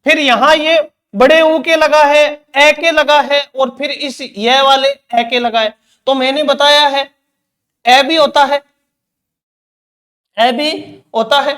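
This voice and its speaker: A man's voice: very high voice, fairly even intonation, slow, a bit bright. A man teaching Hindi grammar in an exam-prep lecture, asking questions and answering them himself, repeating key terms.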